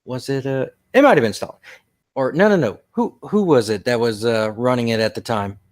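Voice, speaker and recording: A man's voice: medium pitch, a little fast. A young man co-hosting a casual podcast chat, telling long jokes with many fillers. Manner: rambling storyteller with fillers. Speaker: podcast co-host.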